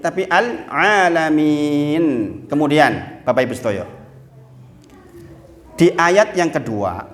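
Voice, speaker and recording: A man with a Javanese accent teaching Quran recitation to a congregation, slipping Javanese words into his Indonesian and chanting the Arabic verses slowly. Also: a little high. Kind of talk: religious lesson to a congregation.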